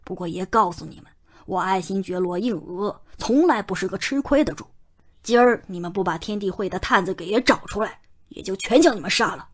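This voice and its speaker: A woman's voice: medium pitch, brisk, lightly acted. A woman voicing a stern young male Qing prince who scolds coldly and scornfully in an audiobook. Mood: cold threatening. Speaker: audiobook narrator.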